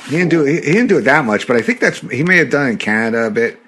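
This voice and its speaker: A middle-aged man chatting on a movie podcast at a mid pitch. He tells rambling stories full of restarts and laughs often along the way. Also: very animated, racing, sharp tone, breathy edge. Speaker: podcast co-host. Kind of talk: casual movie chat.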